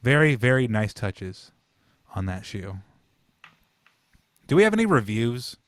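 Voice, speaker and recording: A man's voice: medium pitch, big pitch swings, a little slow, no room sound, studio quality. A man co-hosting a podcast, chatting casually and telling stories with some swearing. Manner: laid-back, chatty storytelling with swearing. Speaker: podcast co-host. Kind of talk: casual chat.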